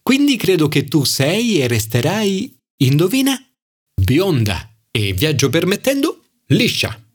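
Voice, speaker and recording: A man voicing an anxious, flamboyant male friend who climbs into shrill high cries and turns bossy, in an audiobook. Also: huge pitch swings, measured pace, slightly rough, heavily acted.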